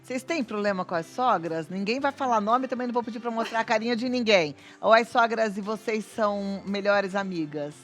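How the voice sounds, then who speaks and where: A woman's voice: mid-range voice, fairly quick, few pauses. Woman, Brazilian accent, talk-show host, mid-range voice, chatty questions, faint background music. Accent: Brazilian Portuguese.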